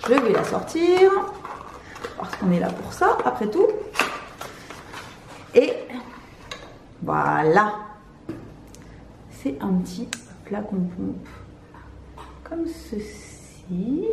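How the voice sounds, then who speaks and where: A woman vlogger chatting casually and excitably as she unboxes beauty products, with many fillers, recorded at home. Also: medium pitch, creaky, roomy sound, background noise. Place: room at home, cats nearby.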